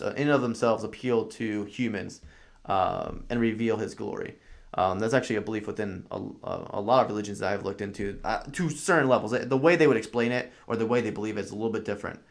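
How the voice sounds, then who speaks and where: Rambling male podcast host. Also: on the low side. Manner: rambling, many fillers, thinks aloud. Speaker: podcast host reacting to a video. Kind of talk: casual live-stream commentary.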